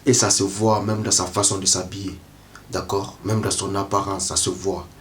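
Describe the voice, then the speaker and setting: A man's voice: deep voice, little pitch movement, moderate pace, slight background noise. A man giving dating advice straight to the viewer in a casual monologue, who keeps checking if the listener understands. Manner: repetitive, keeps asking "tu comprends?".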